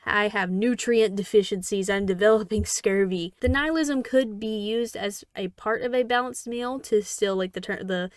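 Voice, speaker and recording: A woman's voice: mid-range voice, moderate pace, few pauses, no echo, studio quality. A woman vlogger talking casually and irreverently in a scripted commentary, joking and swearing freely.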